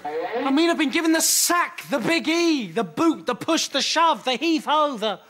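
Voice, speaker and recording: A man with an English accent playing a hapless, exasperated flatmate in a children's sitcom, in an exaggerated style. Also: very high-pitched, normal speed, faint music behind, full character voice. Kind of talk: scripted children's sitcom acting.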